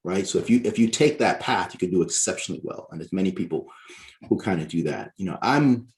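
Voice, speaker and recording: A man from Barbados, a guest author on a podcast interview, explaining his points in a measured way and often checking in with "right?". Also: low-pitched, expressive, a little mellow.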